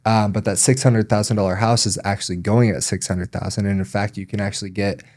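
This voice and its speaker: A man who works as a loan officer, explaining things in a relaxed podcast chat with frequent ums. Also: lowish voice, fast.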